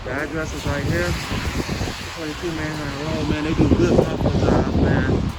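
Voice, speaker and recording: A man's voice: fairly high pitch, flat delivery, normal speed, very noisy. A man in a face mask chatting casually to his viewers in a laid-back, slangy way, as a car vlogger. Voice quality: slightly muffled by a face mask. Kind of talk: casual vlog chat. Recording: loud music behind handheld vlog audio.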